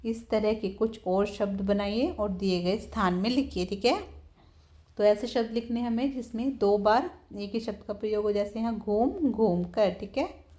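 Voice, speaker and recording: A woman teacher, patiently explaining a textbook lesson to young children, often slowing down to repeat words. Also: mid-range voice, dark tone. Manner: patient, repeats words slowly, keeps saying "theek hai".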